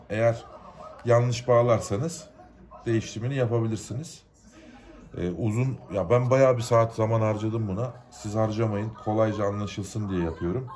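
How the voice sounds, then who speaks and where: A man from Turkey, his voice fairly low and a little mellow, gives an informal, unscripted DIY repair tutorial as a hobbyist. He explains each step in plain, colloquial words.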